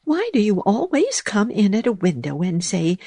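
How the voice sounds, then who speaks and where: A woman's voice: medium pitch, wildly swooping pitch, normal speed, warm tone, breathy edge, no echo, studio quality, pitched above the performer's own voice, heavily acted. A woman voicing a fussy, very tidy little female mouse in a storybook reading, prim and scolding. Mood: severe.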